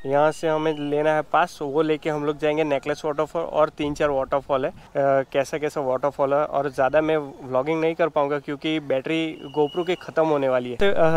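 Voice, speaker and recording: A young man vlogging casually outdoors in the rain, excitedly pointing out the waterfalls to viewers as he films on a handheld camera. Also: on the high side, clean tone. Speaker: travel vlogger. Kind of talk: casual travel vlog. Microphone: handheld phone or action camera. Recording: loud outdoor noise of rain and falling water.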